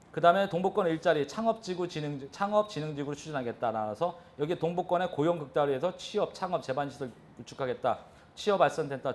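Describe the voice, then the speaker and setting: A man giving a live real estate lecture, talking animatedly and throwing questions at his audience. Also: a little high.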